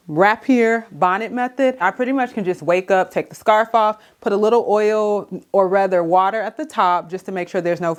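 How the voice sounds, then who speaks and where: A woman talking casually to camera in a hair tutorial vlog, chatty and enthusiastic with many fillers, a little out of breath. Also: medium pitch. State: slightly out of breath. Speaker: beauty vlogger. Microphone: camera mic, on camera.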